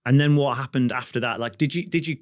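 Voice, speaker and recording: A man from Stoke hosting a podcast, asking relaxed questions and backing the guest with steady yeahs. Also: mid-range voice, quick pace, no echo, studio quality. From Stoke-on-Trent, England. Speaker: podcast host. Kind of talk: casual conversational interview.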